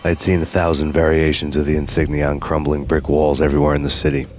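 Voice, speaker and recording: An actor playing a world-weary noir detective in a video game, narrating in a grim, deadpan hardboiled style. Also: male voice, a bass voice, quick pace. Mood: grim, brooding. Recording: loud music behind the voice.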